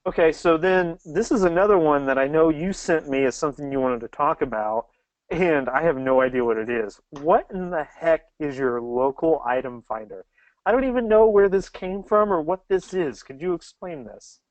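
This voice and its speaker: A man's voice: on the high side, moderate pace, dry recording. A man hosting a show over a video call, teasing his guests in a joking way. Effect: heard over a video call. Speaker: show host. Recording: dry, muffled video call audio.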